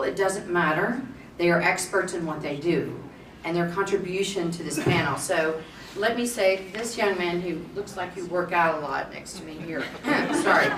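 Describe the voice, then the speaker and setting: A woman moderating a conference panel, chatty and joking. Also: medium pitch. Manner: chatty, joking, self-deprecating. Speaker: panel moderator, state representative. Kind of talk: public speaking at a panel. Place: conference room. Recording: roomy, distant mic, faint noise.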